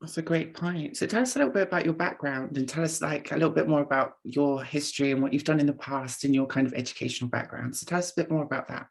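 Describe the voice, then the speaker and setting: A woman's voice: low-pitched, fast talker, creaky, few pauses, breathy edge. A woman hosting an interview podcast, asking questions and giving upbeat, encouraging prompts. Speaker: podcast host.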